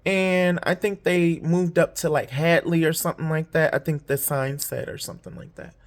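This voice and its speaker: A tired woman telling a long story in a rambling, candid way, swearing freely and jumping up in pitch whenever she quotes someone. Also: steady tone, normal speed. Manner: jumps high when quoting others; putting on false lashes while talking. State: tired, yawning. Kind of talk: casual storytime monologue.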